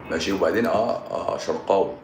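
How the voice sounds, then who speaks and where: A deep, low-pitched man speaks with an Egyptian Arabic accent in an echoey room. He chats casually with his livestream viewers, joking, chuckling and repeating his phrases. A steady noise sits under his voice. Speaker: live-stream host answering viewer comments. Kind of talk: casual live-stream chat.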